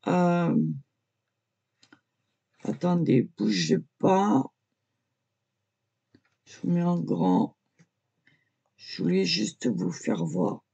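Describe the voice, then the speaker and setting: Walking viewers through her drawing in a relaxed way, this woman sounds low, with big swings in pitch, drawn-out words, creak and frequent pauses, all mellow and captured lo-fi. She's an amateur artist, hesitant and heavy on fillers like "voilà" and "euh," and prone to coughing and choking mid-sentence.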